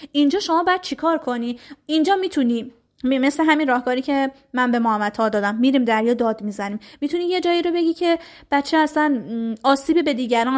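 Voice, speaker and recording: High-pitched lady teaching parents, chatty and direct, acts out what to tell the kid. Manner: lively and direct, acts out short lines to the child. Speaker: parenting educator. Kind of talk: parenting advice talk.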